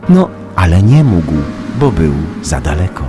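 With a low-sitting, very animated voice, a man narrates a children's story in a dramatic, measured storytelling style while music plays underneath.

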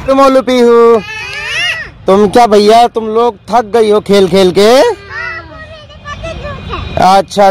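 Dad vlogger, unhurried and playful, teasing his little ones outdoors, phone-recorded. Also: sits high, noisy background. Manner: playful, coaxing talk to small children. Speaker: father and vlogger. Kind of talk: casual family vlog chat. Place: outdoor park.

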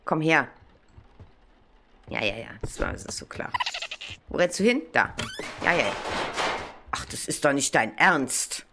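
A woman's voice: deep voice, animated, measured pace, pauses often, fairly bright tone, slight background noise. Chatty German woman scolding a game baby. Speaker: let's play gamer. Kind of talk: casual horror game commentary.

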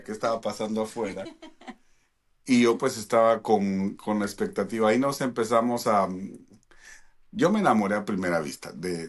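Playful Guatemalan-born man telling a story. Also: on the low side. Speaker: guest. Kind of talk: casual chat. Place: home studio. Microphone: studio mic with headphones.

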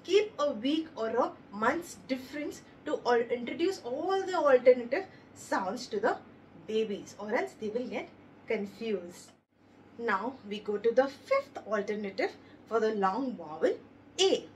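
This phonics teacher's voice is on the high side and swings widely in pitch, captured on a distant mic with slight background noise. Speaking slowly, she sounds out the letters one by one and leans on each word. She cheers the children on and calls them babies.

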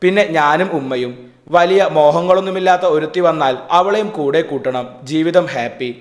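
A man's voice: a little high, normal speed, natural voice. Man reading a young rickshaw driver, cheerful, easygoing, light tone, roomy echo. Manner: plain, affectionate storyteller reading. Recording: echoey room.

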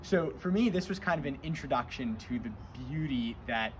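A man's voice: mid-range voice, lively intonation, fairly quick, rough recording. A young man from Virginia, a student tour guide, answering interview questions outdoors in an earnest, articulate way. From Virginia, USA. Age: young adult. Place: outdoors by chapel doors. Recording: outdoor noise behind.

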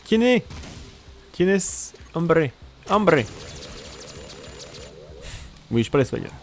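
Playful male let's-player, talks to viewers, swings up and down in pitch, soft music under him. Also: sing-song, fast talker, creaky. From France. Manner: joking, exclaims at the action, talks to viewers. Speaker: let's play commentator. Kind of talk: casual gameplay commentary.

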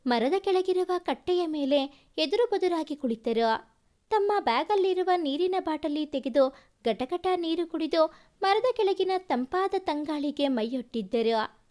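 A woman narrating a romance story in slow, even storytelling, reading the characters' lines herself. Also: high-pitched.

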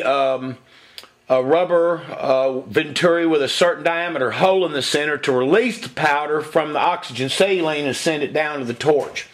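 Plain-spoken man, a bit high-voiced, talking shop in his workshop with easy enthusiasm. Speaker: cylinder head porter. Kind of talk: workshop demonstration.

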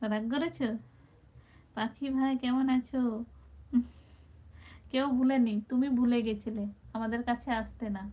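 A woman hosting a casual live stream, chatting affectionately with viewers and reading out their comments. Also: fairly high pitch. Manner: chatty, affectionate, calls viewers brother and sister. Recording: tinny phone-like sound with faint background noise.

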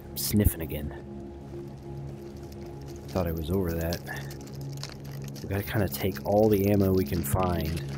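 A man's voice: low voice, steady tone, measured pace, pauses often, over music. A man giving casual, rambling gameplay commentary as a video host, chatty, informal and self-deprecating.

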